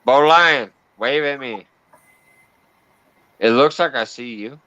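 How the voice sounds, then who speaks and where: A man hosts a casual livestream in a bright, forceful, medium-pitched voice at a slow pace, laughing and coaxing guests to join the call. The recording is dry, with dull, lo-fi stream audio.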